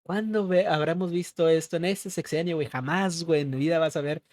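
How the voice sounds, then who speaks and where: Young Mexican male co-host, slangy casual political banter, somewhat high pitch, dry close recording. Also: steady tone, fairly quick, darkish tone, no echo. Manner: slangy, peppers talk with "güey". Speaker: podcast co-host.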